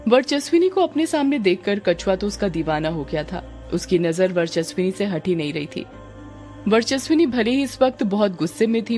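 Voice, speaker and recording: Female narrator for a story reading, steady and dramatic, soft music bed. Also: mid-range voice.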